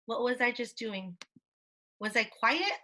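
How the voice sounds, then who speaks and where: Woman, teacher, video call, young class, higher voice, sing-song encouragement. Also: expressive, unhurried, bright, forceful tone. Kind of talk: online class lesson for children. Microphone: laptop mic on a video call.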